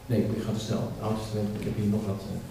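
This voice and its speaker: A man's voice: fairly low pitch, little pitch movement, quick pace, vocal fry, dark tone, a little hiss or hum. A man preaching a sermon, emphatic and given to repeating words as he builds a point. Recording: echoey hall, speaker far from mic.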